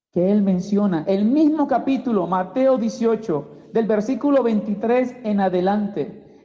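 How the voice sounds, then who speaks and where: Slow, emphatic preacher man, echoey hall. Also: high-pitched, dark tone. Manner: slow and emphatic, repeats key words. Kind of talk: Bible teaching sermon. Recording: dull, echoey hall recording.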